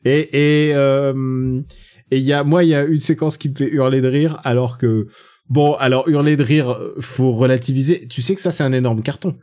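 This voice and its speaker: Male podcast host, mellow dark tone, chatty and digressive. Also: medium pitch, steady tone, normal speed. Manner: chatty, digressive, with frequent restarts. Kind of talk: casual film chat.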